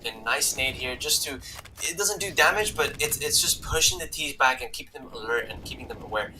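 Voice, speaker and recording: Male esports caster, very bright tone, hoarse edge, excitable play-by-play. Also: medium pitch, a little fast, a little hiss or hum, low-quality recording. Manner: excitable, rising to yells at big plays. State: losing his voice. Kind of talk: live game commentary.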